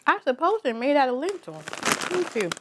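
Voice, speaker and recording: A woman's voice: sits high, sing-song, brisk. Chatty woman vlogger, casual snack review, faint noise and bag crinkles behind. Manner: chatty, tasting food while talking, trailing restarts.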